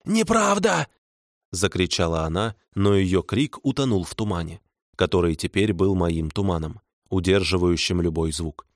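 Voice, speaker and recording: A man reading first-person fiction in an expressive storytelling manner. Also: deep voice, normal speed, no room sound, clean studio sound. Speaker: audiobook narrator.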